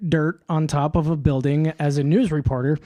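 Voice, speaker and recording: A man's voice: fairly high pitch, moderate pace, dry recording. A young man co-hosting a podcast, casually telling stories with lots of laughing and swearing. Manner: laughing, swearing, animated storytelling. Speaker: podcast co-host. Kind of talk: casual chat. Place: studio.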